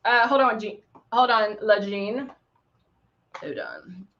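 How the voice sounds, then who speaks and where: Taking it slowly in a mid-range, slightly bright voice, a middle-aged makeup brand host from Texas chats cheerfully in her country accent during a live tutorial. She greets viewers while applying makeup and throws in playful sound effects, all in dull lo-fi livestream audio.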